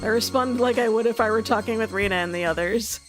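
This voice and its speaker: During her live visual novel stream, a woman reads the narration and giggles through amused asides and reactions. She talks at a quick pace in a fairly high voice, over soft background music, with poor audio.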